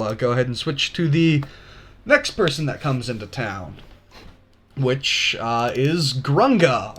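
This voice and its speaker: Slow-talking young man running a tabletop game. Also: medium pitch. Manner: hesitant, many fillers, laughs often. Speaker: game master.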